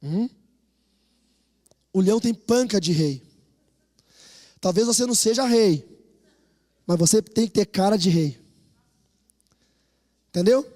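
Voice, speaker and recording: A man with a Brazilian Portuguese accent preaching a sermon as pastor, telling stories in an animated way and rousing his congregation to repeat after him. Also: high voice, slow pace, long pauses. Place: church hall. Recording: long reverb of a church hall.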